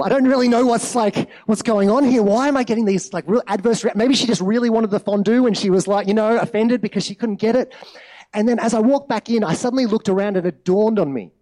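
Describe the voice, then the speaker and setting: A man delivers a sermon as a relaxed personal story. His voice sits high for a man, and he talks in a chatty, rambling way full of fillers. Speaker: preacher.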